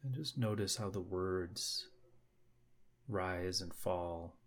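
A man guides a meditation in a low voice, speaking gently and without hurry in short phrases separated by long pauses.

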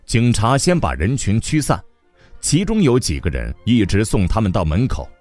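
A man narrating an audiobook in an expressive storytelling manner. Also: fairly low pitch, moderate pace, no room sound, soft background music.

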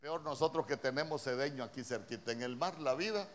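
A man with a Honduran accent preaching a sermon in a church, swinging between hushed words and sudden shouted lines, full of rhetorical questions. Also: mid-range voice, a little fast. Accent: Honduran Spanish.

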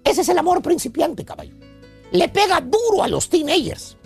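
A man voicing an excitable male love professor who lectures in a theatrical, slangy radio comedy monologue. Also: very high-pitched, moderate pace, gravelly, faint music behind, heavily acted. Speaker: radio comedy host character.

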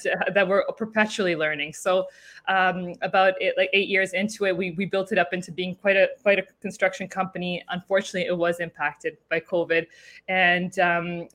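A woman's voice: fairly low pitch, fairly bright tone. A woman in her thirties from Serbia, telling her story as a podcast guest in a chatty way, with many fillers and restarts. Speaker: podcast guest, car saleswoman. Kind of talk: casual interview chat.

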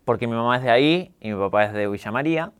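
A young Argentine man with a smooth, clear voice and a neutralized accent. He answers interview questions in a calm, candid, reflective way, at a middle pitch. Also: quick pace. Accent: neutralized Argentine Spanish. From Córdoba, Argentina. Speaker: guest, YouTuber. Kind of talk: casual interview talk.

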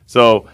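A man hosting a podcast in easy casual chat, his voice still groggy from the early morning. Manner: relaxed, chatty, bit groggy. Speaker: podcast host.

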